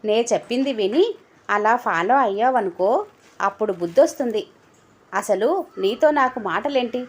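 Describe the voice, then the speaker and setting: A woman's voice: on the high side, expressive, moderate pace, slightly rough. Woman playing an indignant young wife. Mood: agitated. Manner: agitated, scolding.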